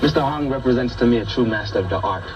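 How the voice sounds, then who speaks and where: A Puerto Rican kung fu instructor speaks intensely and earnestly in a documentary interview, repeating phrases for weight. His medium-pitched voice moves fast over a rough recording with loud music in the background.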